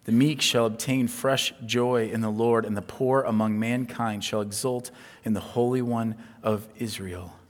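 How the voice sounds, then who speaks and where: A man delivers an evening sermon with earnest conviction, his pitch sitting in an ordinary middle range. He builds up loud and high when retelling scripture, then settles into a soft, low delivery. The sound carries a long hall reverb, as in a church. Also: fairly even intonation, a little slow. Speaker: preacher.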